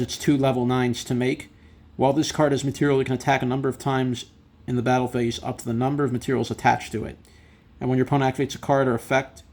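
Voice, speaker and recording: A man's voice: medium pitch, a little hiss or hum. A man giving casual commentary on a card pack opening, reading out names and effects and adding brief reactions. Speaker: trading card collector presenting a box opening.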